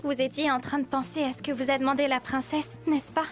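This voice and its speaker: A woman's voice: high-pitched, little pitch movement, a little fast, faint music behind, natural voice. A woman voicing a protective, suspicious wife in an anime dub. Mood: tender.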